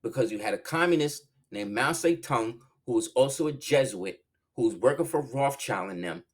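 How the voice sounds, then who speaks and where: Casual solo host, man, animated, pitch swinging from low murmurs to high bursts. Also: normal speed. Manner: animated, swings between low murmurs and loud laughing outbursts. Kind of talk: casual monologue.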